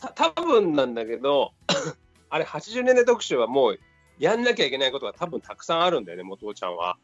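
A man co-hosting a casual comedy podcast, talking in a relaxed, reflective way. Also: mid-range voice, brisk, dry recording, lo-fi sound, soft background music. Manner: relaxed, reflective, laughs along. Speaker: podcast co-host.

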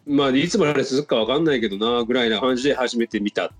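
A man's voice: mid-range voice, rapid-fire, faint music behind. A man hosting a casual conversation, inquisitive and responsive to the others. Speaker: conversation host. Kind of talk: casual chat.

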